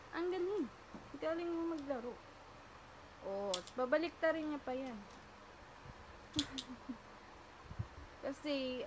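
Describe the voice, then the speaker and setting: A woman's voice: high-pitched, noisy background. A woman from the Philippines vlogging at home, talking casually to viewers and playfully to her toddler. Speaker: vlogger mother. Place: home with tiled floors.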